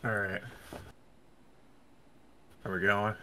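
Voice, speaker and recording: A man's voice: on the low side, level tone, takes it slowly, pushed and bright, a little hiss or hum. A man co-hosting a gaming podcast in casual, joking banter, laughing often. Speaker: podcast co-host. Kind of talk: casual chat.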